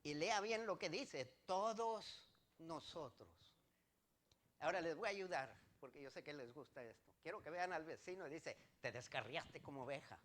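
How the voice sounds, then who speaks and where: High bright-voiced male preacher. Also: brisk, hardly any pauses. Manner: preaching with rising emphasis and direct questions to the congregation. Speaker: pastor. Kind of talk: sermon.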